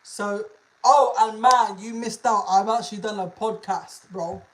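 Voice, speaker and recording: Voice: medium pitch, fairly even intonation, a little slow, a bit bright, poor audio. A livestream host, chatting casually in an informal, slangy, sweary way and often repeating phrases. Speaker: livestream host, animal content creator.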